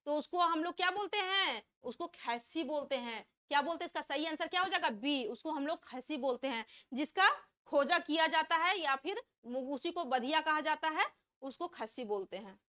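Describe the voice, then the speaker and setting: High bright-voiced woman teacher. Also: lively intonation, moderate pace. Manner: asks questions and repeats them before answering; reads out multiple-choice options. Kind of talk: online exam-prep vocabulary lesson.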